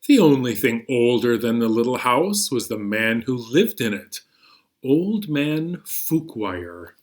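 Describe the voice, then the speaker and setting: A librarian hosting a children's storytime reads and sings for young children in a slow, medium-pitched voice with big pitch swings. His animated delivery is playful and expressive, full of sudden emphasis.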